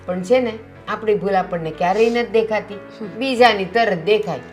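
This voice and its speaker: A middle-aged woman playing a sensible mother who calmly lectures her daughter. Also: mid-range voice, normal speed, faint music behind, close to an everyday voice. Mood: lecturing. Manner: calm, lecturing.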